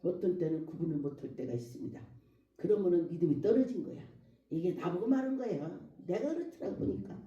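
A woman's voice: lowish voice, lively intonation, quick pace, dark tone, highs cut off. A middle-aged woman pastor preaching a sermon, telling stories and acting out the voices of people she quotes. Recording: echoey room, mic at a distance.

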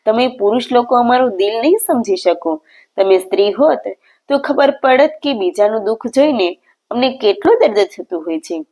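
A woman's voice: fairly high pitch, lively intonation, normal speed, warm tone. A woman voicing a devoted village mother who scolds the lord lovingly and emotionally. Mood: scolding.

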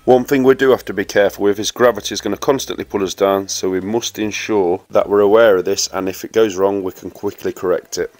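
A lowish male voice walks viewers through each weld pass in a steady, instructive voice-over. Soft music plays quietly underneath. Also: fast, few pauses. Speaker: welding instructor. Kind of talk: voice-over tutorial narration.

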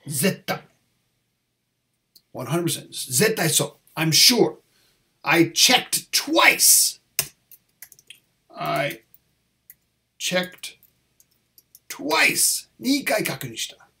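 A man explains English test answers at an unhurried pace, repeating each phrase carefully. He switches between English and Japanese as he teaches. His voice sits a little high for a man. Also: very animated, creaky, sharp tone.

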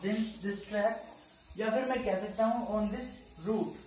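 A man teaching grammar, talking slowly and deliberately, dictating example sentences word by word and often checking that the class follows. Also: high voice, fairly even intonation, darkish tone. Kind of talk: explaining grammar in a lesson. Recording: echoey room, far from the mic, faint ambient noise.

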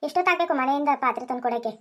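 A woman's voice: high-pitched, rapid-fire, lightly acted. A woman voicing a fussy middle-aged village farmer husband in a cartoon, grumbling and nagging. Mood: impatient. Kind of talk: Kannada cartoon voice acting.

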